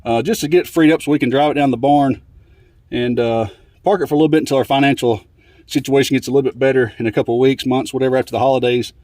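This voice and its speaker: A man's voice: mid-range voice, steady tone, quick pace, darkish tone, no room sound. A man giving casual working commentary while fixing an old truck. He is out of breath and rambles, with many fillers. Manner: rambling, filler-heavy, laid-back.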